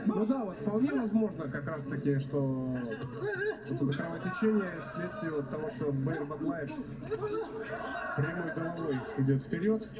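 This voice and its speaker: A man's voice: a little high, sing-song, measured pace. A man giving live boxing commentary, calling the action and adding analytical, slightly hesitant asides. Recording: roomy, distant, very loud crowd noise. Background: loud arena crowd.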